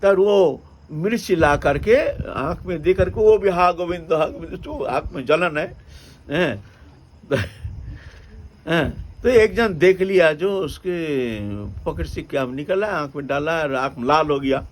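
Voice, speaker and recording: A man giving a devotional storytelling sermon as a spiritual teacher in an ashram, animated and acting out the characters. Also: fairly high pitch, slow pace, a little hiss or hum, low-quality recording.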